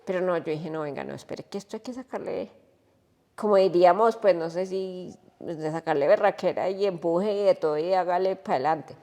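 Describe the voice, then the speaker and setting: A woman, a podcast guest telling a personal story in an animated, emotional way. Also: lowish voice, normal speed, long reverb tail.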